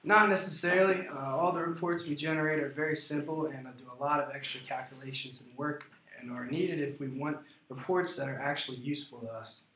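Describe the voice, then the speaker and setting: Higher-pitched man in an echoey room. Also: a little fast, few pauses, bright, forceful tone. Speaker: prospective client in a sales role play. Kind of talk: rehearsed business role-play conversation. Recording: echoey, roomy sound.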